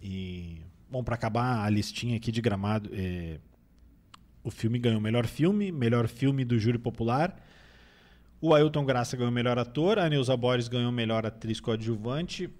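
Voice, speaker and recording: Here a film critic talks casually about a movie in a medium-pitched voice at normal speed, nasal because he's recovering from a cold. He's relaxed and rambling, often starting sentences over.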